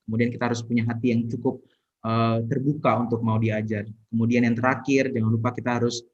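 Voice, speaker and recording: A man closes a seminar session as moderator. He speaks in a measured way, pausing with hesitant fillers. The audio is dull and lo-fi. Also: medium pitch, level tone, breathy edge. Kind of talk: summarizing wrap-up. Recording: dull lo-fi sound.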